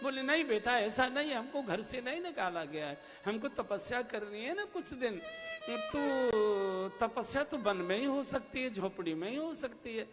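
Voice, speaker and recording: A man speaks as a gentle, anxious mother soothing her child, her high voice tender and pleading. The voice rings through a long hall reverb while strings play steadily behind. Every word is soft and consoling. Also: expressive, moderate pace. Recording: reverberant hall with instrumental music.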